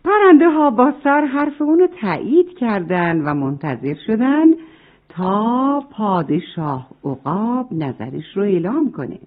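A woman's voice: medium pitch, very animated. A woman narrating a story for children, speaking to them directly, on a tinny recording. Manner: warm, addresses the children.

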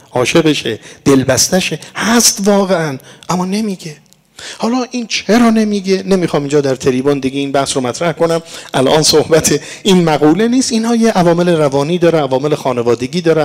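Man preaching a didactic sermon. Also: fairly high pitch. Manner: explanatory, addresses listeners as dear ones, recites verse and Arabic.

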